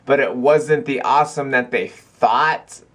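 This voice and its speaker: A man's voice: medium pitch, unhurried, a bit bright. A young man chatting casually to camera in a video blog at home, rambling with lots of fillers and restarts. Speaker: vlogger. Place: cold house.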